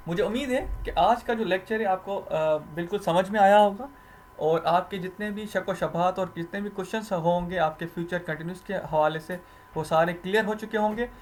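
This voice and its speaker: A man teaching English grammar, explaining slowly, repeating rules and answering his own questions. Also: high voice, a little hiss or hum. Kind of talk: recorded grammar lecture.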